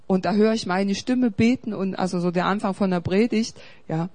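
A woman's voice: medium pitch, normal speed. Emphatic preaching woman. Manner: emphatic, swings between loud urging and quiet storytelling. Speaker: pastor. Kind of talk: sermon.

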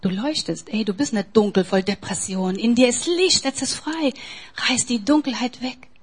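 A woman preaching a sermon in an emphatic way, swinging between soft, near-whispered passages and forceful, raised lines. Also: fairly high pitch, normal speed, husky.

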